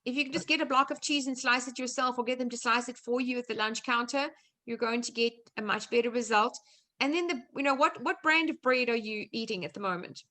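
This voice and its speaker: There's a faint hiss or hum behind this woman's fairly high, pushed, bright voice, and she talks fairly quickly. With her South African accent, she offers reassurance as a guest nutrition coach, chatting informally on a video call in a laid-back online presentation.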